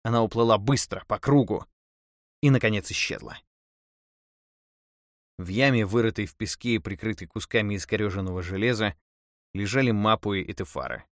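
Male audiobook narrator, measured and steady, with a dry, close sound. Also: fairly low pitch, no echo. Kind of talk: scripted narration.

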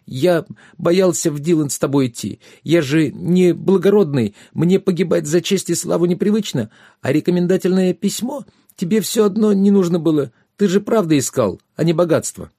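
A man's voice: on the high side, moderate pace, warm tone, husky, no echo, studio quality, pitched above the performer's own voice. A man voicing a timid young runaway male squire who pleads and whimpers. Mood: pleading fearful.

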